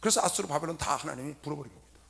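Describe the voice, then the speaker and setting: A middle-aged man preaching a sermon to young people in a convention hall, telling stories with loud stresses and soft asides. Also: a little high, very fast, vocal fry. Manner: animated storytelling, swinging from loud emphasis to soft asides. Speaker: pastor.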